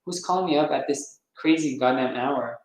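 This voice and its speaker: A man voicing an irritable woman woken by a late-night call, who snaps and nearly yells. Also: mid-range voice, normal speed, heavy reverb, natural voice, poor audio. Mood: irritated. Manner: snappish, near yelling.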